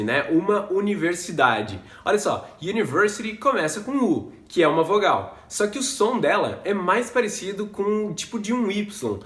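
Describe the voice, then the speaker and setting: A man with a fairly high voice explains English grammar in a relaxed, chatty way, slowing right down whenever he models an English word. He is a Portuguese speaker teaching learners of English. The recording has a noticeable roomy echo. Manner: explains patiently, slows down to model English words. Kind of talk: casual explanatory lesson.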